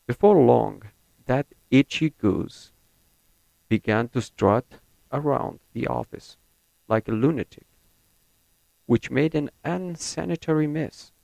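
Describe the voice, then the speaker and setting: A young Syrian university student whose first language is Kurdish reads a set passage, then talks about himself, speaking slowly, carefully and deliberately. His non-native English leans American, and his medium-pitched voice is creaky and darkish, with no echo but a rough recording.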